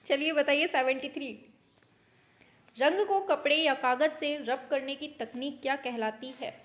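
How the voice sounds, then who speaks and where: A woman teacher running a quick quiz lesson, brisk and teasing, scolding her students in mock anger as if they were children. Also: high voice. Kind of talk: online exam-prep quiz lesson.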